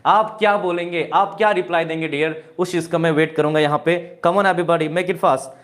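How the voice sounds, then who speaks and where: Teaching English in Hindi in a live online class, this Indian-accented man speaks on the high side in a steady, fairly bright tone at normal speed. Standing in a classroom with a board, he repeats every point and keeps addressing viewers as "dear."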